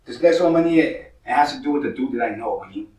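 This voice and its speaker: A man in his forties from Northern California tells his own street stories in a streetwise, slangy way, with a middle-pitched voice. He keeps slipping in "money" and "you feel me" as he talks. He sounds a little distant from the mic, in an echoey room. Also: lively intonation, quick pace, darkish tone, faint music behind. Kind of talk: casual storytelling to camera.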